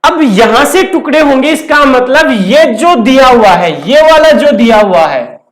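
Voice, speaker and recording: A woman's voice: high-pitched, expressive, a little slow, roomy sound. A woman teaching Hindi grammar to a class. She asks questions and answers them herself, and she repeats key terms over and over. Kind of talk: classroom lesson with questions to students.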